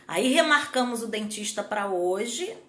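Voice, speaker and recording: A woman therapist speaks to an audience in a fairly high, animated voice, a little slowly, in an echoey room. Her casual talk is chatty, she often addresses the crowd directly as "gente," and she acts out quotes.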